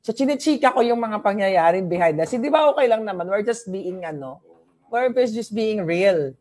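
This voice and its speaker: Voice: medium pitch, animated, normal speed, darkish tone. A political vlogger from the Philippines, chatting casually on a livestream, gossipy and mixing English into the talk, often addressing viewers directly. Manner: talks straight to viewers and their comments.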